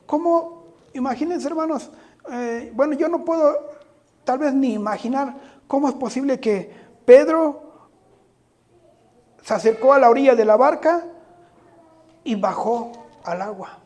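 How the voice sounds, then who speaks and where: A man's voice: extremely high pitch, a little slow, long pauses, darkish tone. A man preaching a sermon, speaking earnestly, often putting rhetorical questions to the congregation and addressing them directly.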